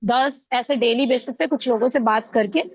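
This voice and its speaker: A woman from Lucknow talks politely over a call, slipping English words into her speech. Her voice sits a little high. The line is dry and slightly dull. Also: steady tone, normal speed, slightly rough, no echo. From Lucknow, India. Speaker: sales trainee. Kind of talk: casual call chat.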